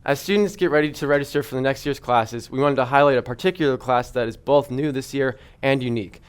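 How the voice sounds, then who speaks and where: A man's voice: mid-range voice, fast, clear, resonant tone. A young man anchoring a student news show in a casual way.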